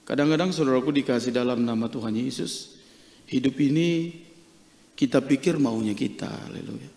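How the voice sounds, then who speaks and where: A middle-aged male pastor preaching a sermon, telling a personal story in a lively, joking way with frequent hallelujahs. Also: mid-range voice, moderate pace. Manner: lively, jokey, peppered with hallelujahs. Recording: reverberant church hall.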